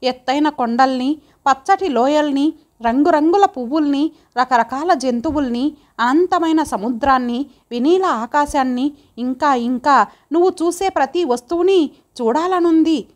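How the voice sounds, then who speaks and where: A woman voicing an unborn baby girl who calls out softly and sweetly. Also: high-pitched, unhurried. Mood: longing. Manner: soft, sweet.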